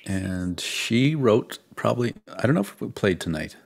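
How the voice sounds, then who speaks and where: A man with a very low, gravelly voice and a husky edge chats casually as host of an online drawing session. He jokes at his own expense and laughs easily, speaking close to his mic. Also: big pitch swings, normal speed. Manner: chatty, self-mocking, laughs easily. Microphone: close desk mic, wearing headphones.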